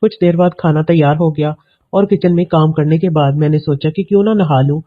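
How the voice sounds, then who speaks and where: A man narrating a scripted story in a steady, even reading manner. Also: fairly high pitch. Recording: tinny, phone-like audio.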